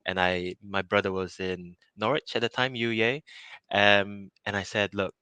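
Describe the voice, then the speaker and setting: A man's voice: fairly low pitch, steady tone, moderate pace, bright, forceful tone, clear, resonant tone, no echo. A man from Malaysia in his thirties, answering interview questions casually, with many fillers, restarts and easy laughs. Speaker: innovation project lead.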